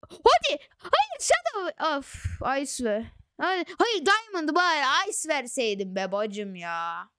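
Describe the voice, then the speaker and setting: A woman hosting a gaming channel, chatting excitedly to viewers through casual gameplay commentary on a close desk microphone. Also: sits high, clean tone, no room sound.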